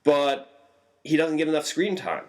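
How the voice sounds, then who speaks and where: A man talks through a film review in a casual, conversational way. His voice sits a little high and jumps up further when he stresses a point. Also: measured pace. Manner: animated, swings pitch up for emphasis.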